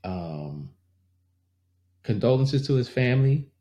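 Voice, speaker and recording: This male vlogger has a mid-range, sing-song voice with a slow pace and dark tone, recorded in a reverberant space. Chatting earnestly and casually to the camera, he becomes indignant while reacting and keeps saying the same things again.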